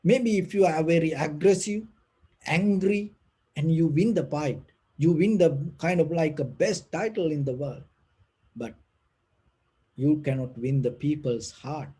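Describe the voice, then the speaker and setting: Slow, breathy man teaching meditation, non-native English. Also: fairly high pitch, low-quality recording. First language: not English. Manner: gentle, halting, with frequent pauses and repeated phrases. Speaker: meditation teacher giving a Dhamma talk. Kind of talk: unscripted spiritual talk.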